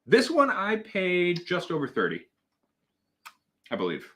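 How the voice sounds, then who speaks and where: A man hosting a casual livestream, talking in a lively, bouncy voice with a slightly high pitch. He laughs often while he reads out viewer comments. His tone is bright and forward. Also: unhurried. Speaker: host.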